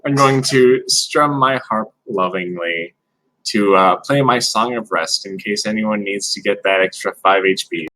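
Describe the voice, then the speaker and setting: A man's voice: lowish voice, a little slow, bright, forceful tone, low-quality recording. A man playing a tabletop game, easygoing and thoughtful. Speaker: player.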